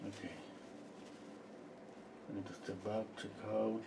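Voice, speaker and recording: Man from Peru, low-pitched, unhurried painting teacher on a live stream, murmuring as he works, steady hiss underneath. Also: gravelly. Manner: quiet and unhurried, often trails off into murmurs while painting. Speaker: painting instructor.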